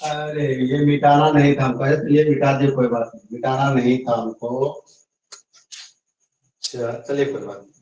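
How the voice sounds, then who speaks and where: A man teaching an online grammar lesson, explaining slowly and repeating himself, often checking that students follow. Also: mid-range voice, level tone, darkish tone, muffled recording, a little hiss or hum. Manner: slow, repetitive explaining with frequent check-ins. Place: online class. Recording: echoey room, voice from far off.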